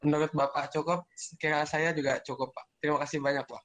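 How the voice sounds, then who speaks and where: A male university student asks a question in class, hedging politely and filling pauses with hesitant sounds. His voice sits a little higher than average for a man. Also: flat delivery. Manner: hesitant, polite, many fillers.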